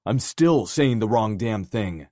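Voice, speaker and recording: A man voicing a gruff, self-blaming man. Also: on the low side, animated, measured pace, a little mellow, no room sound, clean studio sound, voice pushed up. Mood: frustrated. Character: frustrated grown man, defensive and remorseful.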